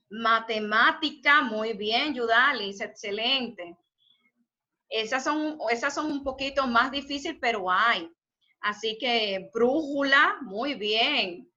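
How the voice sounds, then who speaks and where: A woman's voice: a little high, sharp tone. A woman teaching a spelling class live over a video call, encouraging and praising her students' answers. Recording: dull lo-fi video call audio.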